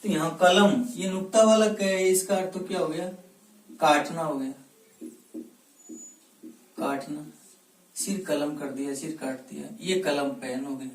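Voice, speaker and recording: A man teaching a Hindi lesson for exam preparation, reading out a word list slowly and distinctly, one word at a time. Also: fairly high pitch, fairly even intonation. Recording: roomy and distant from the mic.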